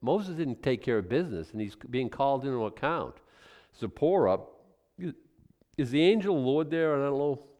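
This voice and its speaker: A man's voice: mid-range voice, sing-song, normal speed, darkish tone, in a large hall. A male pastor teaching a Bible passage in a conversational way, musing aloud about his own guesses and chuckling as he goes.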